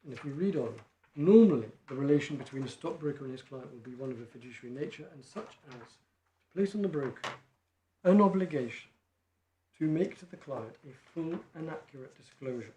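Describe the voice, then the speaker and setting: A barrister making a measured legal argument in court, reading quoted passages from judgments. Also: male voice, medium pitch, dark tone. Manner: measured, reads quotations from case law. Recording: echoey courtroom, faint noise.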